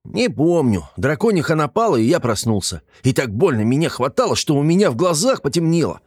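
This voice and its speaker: A man's voice: fairly high pitch, very animated, fairly quick, a little mellow, slightly rough, dry recording, studio quality, pitched above the performer's own voice. A man doing a small grumbling shortling creature. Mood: aggrieved. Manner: grumbling, bleating when scared. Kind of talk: audiobook character voice.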